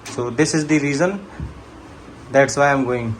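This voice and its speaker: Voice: mid-range voice, drawn-out words, a little hiss or hum. A Bundelkhandi-accented family vlogger playfully teasing children at home, laughing often. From Bundelkhand, India. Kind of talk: playful home vlog, playing shop with children.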